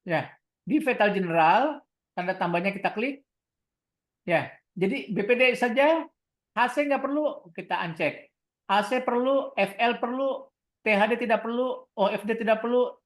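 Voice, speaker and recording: A product trainer gives a software tutorial, a woman with an Indonesian accent and a fairly high voice at normal speed. She leads the online equipment session step by step, often raising questions and answering them herself instructionally.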